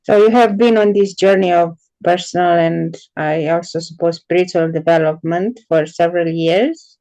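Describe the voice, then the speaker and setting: Mellow-voiced woman asking curious questions. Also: fairly low pitch, steady tone, dry recording, rough recording. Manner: measured, curious questioning with frequent pauses. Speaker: interviewer. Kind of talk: casual online interview.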